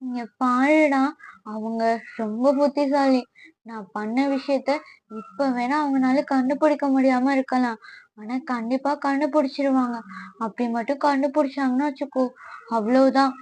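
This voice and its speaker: A lonely young man, grieving his lost family and set on revenge, as a woman narrating a fan story gives him voice. He speaks in a high, light tone with a sorrowful, brooding manner. The delivery stays plain and storybook-like, soft and slow. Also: steady tone, lightly acted.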